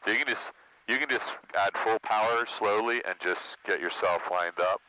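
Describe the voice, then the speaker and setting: A man's voice: lowish voice, moderate pace, sharp tone. A man working as a flight instructor, giving matter-of-fact step-by-step instructions and checklist callouts. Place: small airplane cockpit. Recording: noisy aircraft cockpit, radio-like sound. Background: engine and cabin noise.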